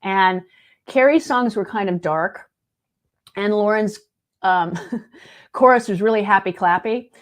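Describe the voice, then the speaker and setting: Slow and full of long pauses, this mid-range female voice belongs to a singer and video editor in her late fifties, here as a guest. Chatty and anecdotal, she swaps stories and performs the quoted lines of other people.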